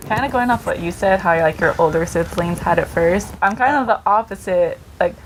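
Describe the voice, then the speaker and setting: A woman's voice: lowish voice, a little fast. Young woman on a panel, easygoing, kinda giggly, faint noise behind. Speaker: panel guest. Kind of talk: casual chat. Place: college TV studio.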